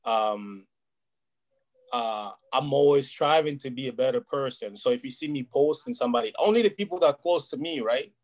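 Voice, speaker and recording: Here a man with a mid-range voice talks at a moderate pace. He's a native Portuguese speaker being interviewed in a relaxed conversation, and he speaks sincerely and at length, regularly adding "you know what I mean".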